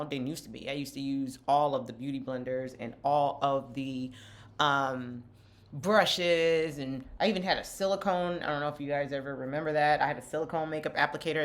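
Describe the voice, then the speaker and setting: Middle-aged woman, deep-set low voice, chatty, candid, get-ready-with-me vlog. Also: a bit bright. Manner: candid, chatty, self-deprecating. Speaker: skincare company founder and vlogger. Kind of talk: get-ready-with-me makeup chat.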